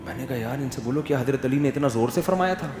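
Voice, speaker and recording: A man giving an Islamic sermon, swinging from emphatic questions to soft, quiet asides. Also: medium pitch, background noise. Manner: animated, rises to emphatic questions, drops to soft quotes. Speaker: Islamic scholar giving a talk. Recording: echoey hall with faint ambience.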